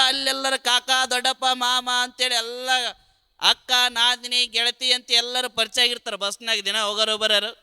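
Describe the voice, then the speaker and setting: High bright-voiced man preaching with humor. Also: clear, resonant tone, in a large hall. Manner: storytelling with lively, animated delivery. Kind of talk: humorous religious discourse.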